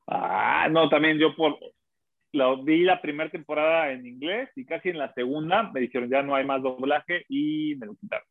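A man's voice: on the high side, normal speed, dry recording. A man, co-hosting a casual chat and joking around with silly impressions. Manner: jokey, laughing, does silly impressions. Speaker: podcast co-host. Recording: tinny phone-like line.

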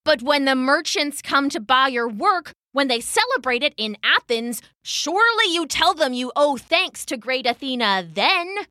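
A woman's voice: high voice, animated, measured pace, hardly any pauses, bright, forceful tone, no room sound, clean studio sound, voice pushed up, full character voice. A woman voicing a jealous goddess who poses as an old woman, haughty and indignant. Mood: sweet then scolding.

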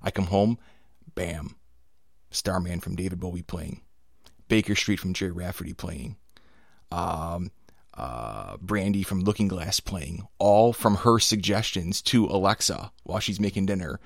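Male podcast host, middle-aged, gravelly and lowish with a cold; chatty, rambling, enthusiastic, very dry close sound. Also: a little slow, dry recording. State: slightly hoarse from a cold. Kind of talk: casual conversational podcast.

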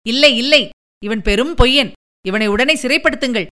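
A woman voicing a frantic young man, a physician's son, who keeps shouting accusations in an audiobook story. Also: on the high side, moderate pace.

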